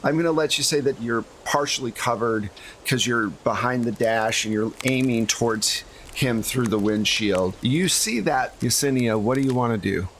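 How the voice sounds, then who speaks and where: A game master runs a tabletop role-playing game, explaining rules and scenes in a casual, conversational actual-play narration. He has a mid-range, slightly bright voice at a normal speed. There is slight background noise.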